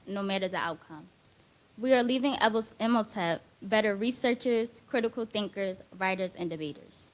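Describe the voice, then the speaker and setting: A young woman in her late teens, a graduating student, giving an earnest and heartfelt formal graduation speech. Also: medium pitch.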